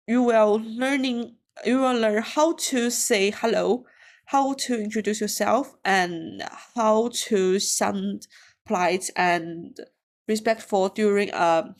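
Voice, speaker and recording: A woman teaching a beginner lesson from slides, speaking English with small grammar slips and repeating each word slowly and clearly for learners. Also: medium pitch. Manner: slow, careful, repeats words for learners. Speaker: Mandarin teacher. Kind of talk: slide-based language lesson.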